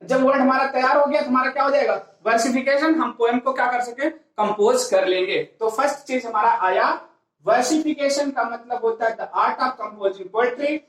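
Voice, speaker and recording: This grammar lecture comes from a woman whose voice sits high and moves at a moderate pace. She teaches English step by step, raising rhetorical questions for herself, and the classroom echoes heavily.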